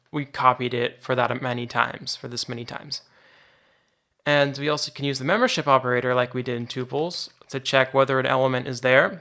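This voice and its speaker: A man's voice: medium pitch, gravelly, pushed and bright. A man teaching programming in an informal, think-aloud way, often restarting his sentences, over a screen-recorded coding tutorial. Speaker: programming instructor.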